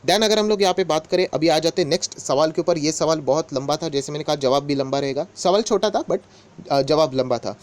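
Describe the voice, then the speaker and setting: A man with a slightly higher than usual voice walks his viewers through stock market news in a relaxed, talkative way. He addresses them directly as friends and falls back on the same filler phrases again and again. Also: fairly quick. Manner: conversational, mixes English words into Hindi, repeats filler phrases. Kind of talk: casual explainer talk to viewers.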